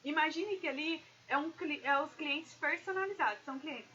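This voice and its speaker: High bright-voiced woman consultant on a live stream. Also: normal speed, muffled recording. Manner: animated, addresses viewers directly. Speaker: business consultant. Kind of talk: live-stream business talk.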